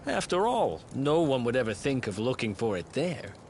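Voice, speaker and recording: A cocky thief. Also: male voice, mid-range voice, very animated, normal speed, a little mellow, a little hiss or hum. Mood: boastful. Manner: boastful, conspiratorial storytelling. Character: cocky young male thief, boastful schemer. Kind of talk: video game voice acting.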